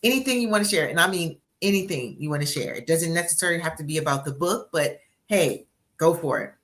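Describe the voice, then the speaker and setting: Woman, 60s, host, book coach, livestream interview, upbeat, encouraging, bright voice, video call. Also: low voice, quick pace. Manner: upbeat, encouraging, repeats herself.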